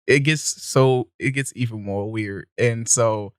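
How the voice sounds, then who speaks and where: A man's voice: mid-range voice, a little slow, dry recording, studio quality. A young man, a podcast guest, telling stories in a loose, laid-back way, laughing often. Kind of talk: casual storytelling. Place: podcast studio.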